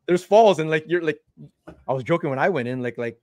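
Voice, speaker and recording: Animated man telling a story. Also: a little high, fairly quick, dry recording. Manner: animated storyteller, acts out quotes. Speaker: podcast host. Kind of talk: casual chat. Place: home room on video call.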